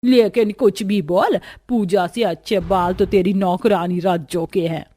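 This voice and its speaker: Woman voicing a cartoon aunt, middle-aged, effusive, slow, gushing. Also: mid-range voice, fairly even intonation, warm tone, natural voice.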